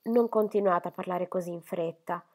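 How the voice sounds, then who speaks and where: A woman voicing a gentle young woman who speaks softly and reassuringly. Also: fairly low pitch, fairly even intonation, normal speed, lightly acted. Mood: soothing.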